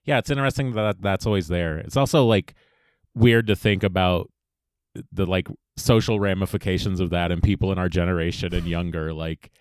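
A man's voice: low voice, a little fast, clear, resonant tone, no echo. A young man hosting a podcast in easygoing, reflective chat with dry humor. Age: young adult. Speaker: podcast host. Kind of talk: casual chat.

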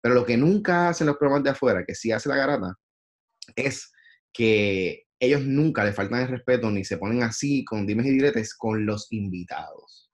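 A man with a Puerto Rican Spanish accent, a podcast guest who once worked in sports television, talking things through slowly with many fillers. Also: medium pitch. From Puerto Rico. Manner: thoughtful, many fillers like "este". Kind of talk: casual podcast chat.

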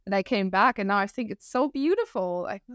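Smooth-voiced woman with a northern German accent. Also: mid-range voice, a little fast, no room sound, clean studio sound. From northern Germany, near Hamburg. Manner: reflective, animated storyteller who laughs often. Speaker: podcast guest. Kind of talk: casual interview conversation.

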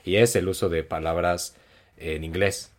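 A man from Mexico with a Mexican Spanish accent, chatting casually and telling stories with lively quoted voices. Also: unhurried. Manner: animated storyteller, jumps to high acted voices for quotes; colloquial, many fillers. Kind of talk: casual chat.

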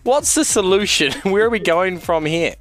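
A man's voice: high voice, lively intonation, normal speed, a bit bright. A man hosting a light news chat in a playful, bantering way. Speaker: radio host. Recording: music playing behind. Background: music.

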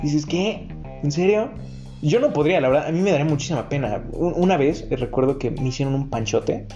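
A man's voice: on the high side, quick pace, warm tone, lo-fi sound, faint music behind. A young man with a Mexican accent telling stories in a crude, joking, slang-heavy monologue. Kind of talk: casual storytelling monologue.

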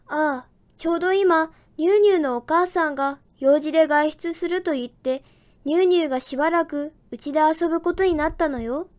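A woman voicing a caring mother who gives gentle, firm advice to her child. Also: sits high, natural voice.

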